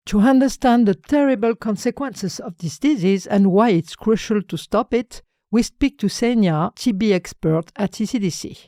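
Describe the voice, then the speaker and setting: A woman hosting a podcast, speaking in a measured, formal way. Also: medium pitch, warm tone, dry recording, clean studio sound. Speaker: podcast host.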